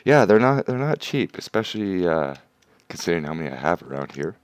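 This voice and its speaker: A man's voice: low-pitched, big pitch swings, a little fast, smooth, dry recording. A man hosting a livestream, chatting casually and explaining game mechanics step by step. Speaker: livestream host. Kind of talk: casual gameplay commentary.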